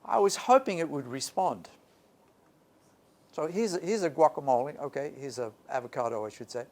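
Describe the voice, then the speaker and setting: A man giving an animated English lesson, speaking emphatically and theatrically in short, repeated phrases. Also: a little high, normal speed. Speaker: English language teacher presenting. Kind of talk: animated lecture presentation.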